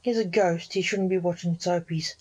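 A woman's voice: on the low side, steady tone, moderate pace, darkish tone, husky. Woman voicing a bickering grown dad. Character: exasperated father, adult man. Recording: dull lo-fi recording.

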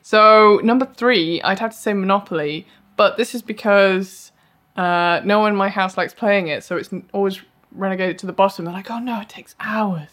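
A woman's voice: medium pitch, fairly even intonation, moderate pace, a bit bright. A woman co-hosting a podcast in casual chat, rambling with self-mocking asides. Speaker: podcast co-host. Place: live event venue.

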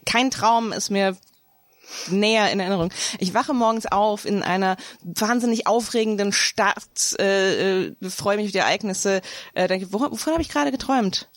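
A woman's voice: medium pitch, normal speed, no echo. A woman co-hosting a podcast, telling stories in casual chat, rambling with lots of fillers. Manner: rambling storyteller with many fillers. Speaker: podcast co-host.

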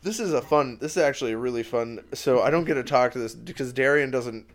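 A man hosting a casual podcast chat, animated and quick to laugh, often restarting his sentences. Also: medium pitch. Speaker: podcast host.

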